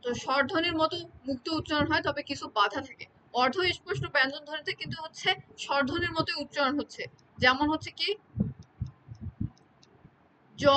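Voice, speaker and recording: A woman's voice: sits high, pushed and bright, slight background noise, poor audio. A woman teaching an exam-prep lecture, explaining with repeated examples and often checking that students follow.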